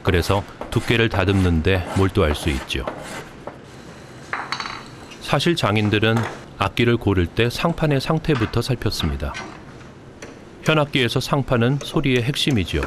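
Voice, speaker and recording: Calm, lively-toned male documentary narrator. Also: fairly low pitch, normal speed, long pauses, noisy background. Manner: calm, explanatory. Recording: voice-over with loud music behind.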